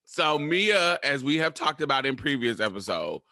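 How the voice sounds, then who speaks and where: A man's voice: mid-range voice, sing-song, normal speed, sharp tone, dry recording. A man, co-hosting and telling stories casually in a sassy, emphatic, profanity-laced way. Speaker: podcast host. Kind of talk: animated casual storytelling.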